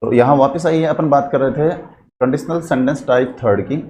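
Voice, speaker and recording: A man teaching an English grammar class in Hindi. He mixes in English terms, spells out words slowly as he writes, and keeps asking the class questions that he answers himself. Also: medium pitch, a little mellow, slight background noise.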